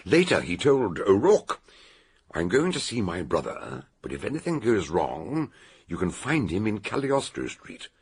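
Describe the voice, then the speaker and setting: In a radio drama, a male actor plays an eccentric older British detective who lays out a murder solution theatrically and deliberately. His fairly low voice is gravelly and husky, swinging hugely in pitch in a full character voice. He sounds assured and expository.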